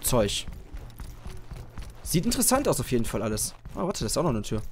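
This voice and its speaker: A man's voice: medium pitch, very animated, rapid-fire, background noise. A man giving casual, slangy gameplay commentary as a let's player, muttering to himself. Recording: game music behind the voice. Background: video game music.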